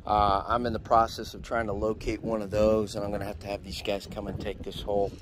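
Talking a bit fast in a lowish voice, this middle-aged man narrates a laid-back vlog aboard his sailboat in a marina. He wanders from point to point with many fillers like "uh" and frequent restarts, over some background noise.

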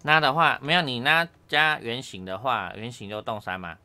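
A man's voice: medium pitch, lively intonation, moderate pace, pushed and bright. A man teaching Japanese grammar one-on-one, casually checking understanding with tag questions.

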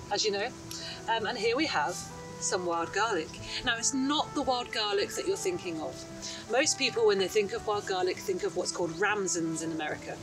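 A woman's voice: medium pitch, distant mic, rough recording. A woman in her thirties chattily teaching about wild plants, recorded outdoors in a hedgerow lane and woodland. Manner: bright, chatty, enthusiastic explaining. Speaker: foraging teacher. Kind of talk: outdoor foraging lesson.

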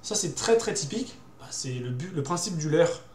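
A man's voice: on the high side, expressive, moderate pace, darkish tone, a little hiss or hum. A young man explaining in casual, hesitant talk as a show host, with many fillers, repeated words and youthful slang. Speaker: host presenting dog breeds. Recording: roomy echo.

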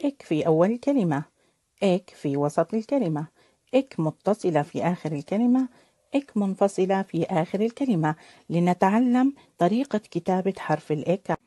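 A woman teaching a recorded preschool phonics lesson, sounding out letters slowly for young children. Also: lowish voice, lively intonation, dark tone. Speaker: kindergarten Arabic teacher.

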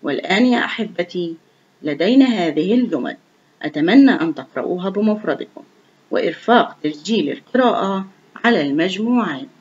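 A woman teaching young children to read in a slow, clearly enunciated, encouraging voice. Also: lowish voice, expressive, a little mellow. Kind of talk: online reading lesson for young children. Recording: dull lo-fi recording.

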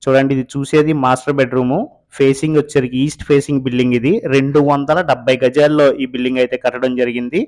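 A man's voice: medium pitch, little pitch movement, fast, a little mellow. A man hosting a real estate video, giving a casual walkthrough of a house for sale in a Telugu accent from coastal Andhra Pradesh. He repeats himself and calls viewers friends. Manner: repetitive, addresses viewers as friends. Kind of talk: casual property walkthrough narration.

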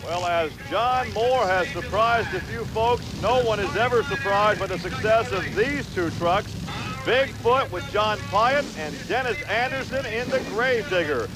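High-voiced male play-by-play announcer. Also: measured pace, over music. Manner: steady, informative announcing. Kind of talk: sports commentary.

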